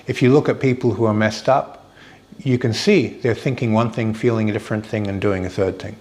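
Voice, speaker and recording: A man teaching informally, explaining step by step with pauses as he finds his words. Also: fairly low pitch, steady tone, a little mellow. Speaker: teacher of hypnotherapy and meditation.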